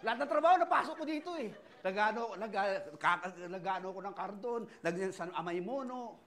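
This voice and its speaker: A middle-aged male pastor with a Filipino accent, preaching a sermon full of personal testimony and acting out other people's voices in animated storytelling. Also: sits high, normal speed. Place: church service.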